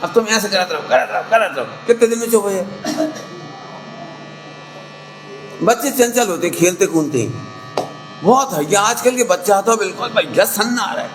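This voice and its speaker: A man giving a conversational sermon to a gathering, acting out scolding parents and quoted people in a sharp rising voice. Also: sits high, lively intonation, a little fast, over music. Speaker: Jain preacher. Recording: echoey hall, faint hum.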